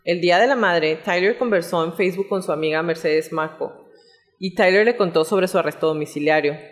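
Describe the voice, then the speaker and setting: A woman hosting a podcast, telling a true crime story in a relaxed narrating tone. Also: on the low side, brisk, long reverb tail. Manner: reads out chat messages in a relaxed narrating tone. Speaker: podcast host.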